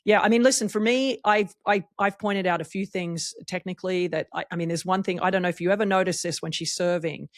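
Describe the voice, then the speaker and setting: A woman's voice: lowish voice, fairly even intonation, brisk, hardly any pauses, no room sound, clean studio sound. A middle-aged woman, hosting a casual podcast chat, frank and teasing. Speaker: podcast host and former tennis player.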